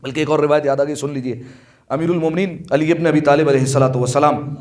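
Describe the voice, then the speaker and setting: A man's voice: fairly high pitch, fairly even intonation, darkish tone. A man delivering a sermon with impassioned storytelling, raising his voice for quoted lines and asking the listeners questions. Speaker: preacher. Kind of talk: Urdu majlis sermon. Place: religious hall.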